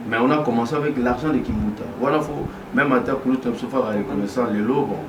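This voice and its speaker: A man from DR Congo, a guest in a casual interview, speaks haltingly in a medium-pitched voice, mixing French and Lingala. He sounds far away in an echoey, noisy room, picked up by a distant mic.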